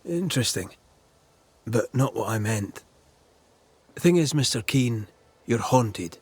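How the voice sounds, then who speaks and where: A man acting a calm, businesslike ghost hunter in a video game, dry and formal, with a husky voice. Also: medium pitch, slow, full character voice. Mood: calm, polite.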